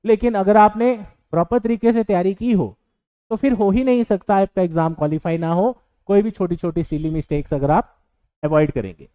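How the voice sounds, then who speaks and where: A man's voice: sits high, moderate pace, warm tone, clean tone, no room sound, rough recording. A man teaching exam aspirants, giving earnest advice in a motivational lecture with a few fillers. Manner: earnest, advising, with fillers and English words mixed in. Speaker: coaching teacher.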